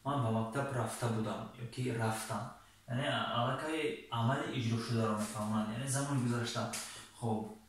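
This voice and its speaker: Male teacher with a Tajik accent, measured and deliberate, heard from a distance in a very reverberant room. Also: medium pitch, steady tone, slight background noise. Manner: reads English examples slowly, then translates briskly. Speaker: English teacher. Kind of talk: language lesson. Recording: very echoey room, voice far from mic.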